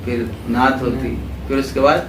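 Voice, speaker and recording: A man's voice: mid-range voice, little pitch movement. A man teaching a class in a religious school with an Urdu accent, explaining terms and asking his students questions, then repeating their answers. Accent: Pakistani Urdu. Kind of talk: classroom lecture with call-and-response questions. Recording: roomy echo, distant mic, clear background noise.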